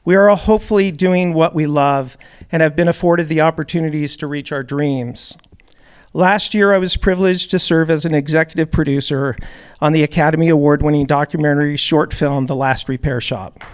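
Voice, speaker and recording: A man's voice: a little high, steady tone, smooth. Slightly nervous man giving opening remarks. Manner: a little nervous, reads measured remarks. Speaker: event host, music producer. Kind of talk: prepared opening speech. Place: event hall with audience.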